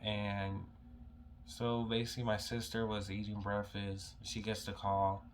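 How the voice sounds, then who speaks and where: A young man speaks in a low, fairly monotone voice as he tells a personal story to camera. His speech is halting and packed with "like" fillers, and he sounds on the edge of tears. A faint room hum sits underneath. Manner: halting, heavy use of "like" fillers, emotional. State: holding back tears. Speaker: vlogger telling a personal story.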